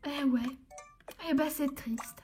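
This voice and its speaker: A young woman hosting a let's play, rambling and giggling as she comments on her game, with a very high voice. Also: slow, music in the background. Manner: animated, rambling, self-talking with giggles. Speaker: gaming channel host.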